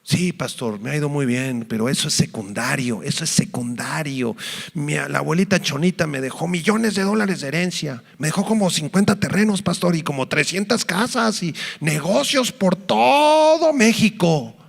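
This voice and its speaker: A man's voice: a little high, gravelly, pitched above the performer's own voice. A man putting on an eager rich churchgoer. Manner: excited, rushing, stumbling over words. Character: wealthy male churchgoer, eager to serve. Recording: long reverb of a hall.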